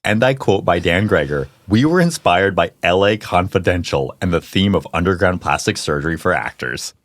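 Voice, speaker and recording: A man co-hosting a casual film podcast debate, animated and quick to laugh, with some swearing. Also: deep voice, dry recording. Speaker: podcast co-host.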